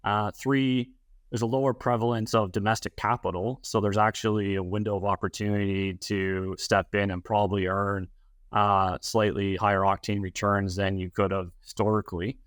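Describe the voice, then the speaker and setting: A Canadian man gives a podcast interview as a real estate advisor. He talks in a low, even, level tone and keeps restarting his phrases with lots of fillers. The sound is close and dry. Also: moderate pace, dry recording. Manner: hesitant, many fillers and restarts.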